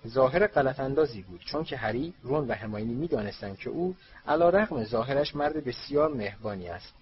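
A man narrating a storybook audiobook in a steady reading voice, on a dull lo-fi recording. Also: mid-range voice.

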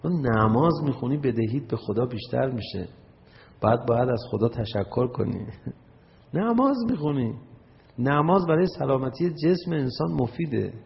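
Male preacher, gravelly voice, conversational sermon, muffled sound, long hall reverb. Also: mid-range voice. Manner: conversational preaching, acts out listeners' replies, chanting phrases.

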